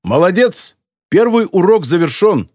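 A man reading an audiobook, voicing a rude, mocking middle-aged editor who talks loudly and insults people. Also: a little high, very animated, normal speed, no echo, studio quality. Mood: mocking cheer.

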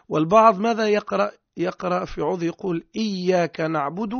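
In a dry recording with the highs cut off, a man with a Tunisian accent teaches a religious lesson, working through points by asking questions and then answering them himself. His voice sits high with some vocal fry.

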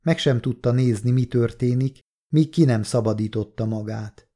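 Brief: male audiobook reader, calm and measured, warm, low tone. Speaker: audiobook narrator. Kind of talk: scripted narration.

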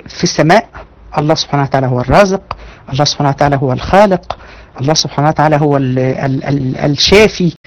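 A woman with an Egyptian accent teaching a religion class to women online. She talks in a lively, conversational way and asks the class rhetorical questions. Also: sits low, poor audio. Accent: Egyptian Arabic. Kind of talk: online lecture to women students.

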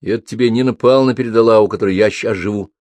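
A man's voice: lowish voice, rapid-fire, darkish tone, dry recording, natural voice. A man voicing an eager, polite village boy who speaks earnestly in a lifted voice.

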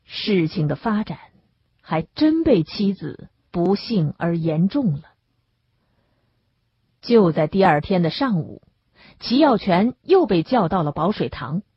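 A woman narrating an audiobook in an expressive storytelling manner, on a dull, lo-fi recording. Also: fairly low pitch, slow pace, pauses often, breathy edge, no room sound.

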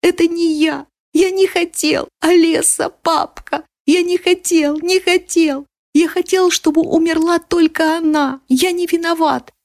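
A woman's voice: fairly even intonation, unhurried, hardly any pauses, no room sound, studio quality. A woman voicing a grieving young boy who screams blame through sobs in an audiobook. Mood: sobbing hysteria. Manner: shrill sobbing shouts. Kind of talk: audiobook character voice.

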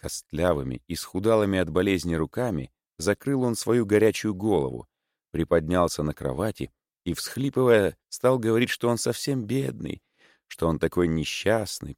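Low-voiced man narrating a classic. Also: a little mellow, dry recording, studio quality. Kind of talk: audiobook narration of classic prose.

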